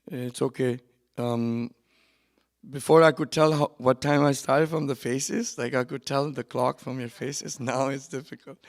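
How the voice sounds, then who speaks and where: In a community centre hall, a religious speaker delivers a sermon at a memorial gathering, his voice sitting a little high. He swings from soft, conversational asides to loud, emphatic preaching, with quick runs of recited Arabic verse.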